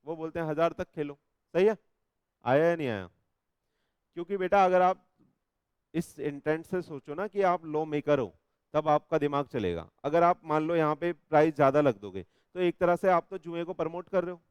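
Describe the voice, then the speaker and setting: A man teaching a law class in Hindi, coaxing his students with frequent checks and reading legal text slowly. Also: a little high, a little mellow, clear, resonant tone, no echo. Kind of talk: classroom lecture.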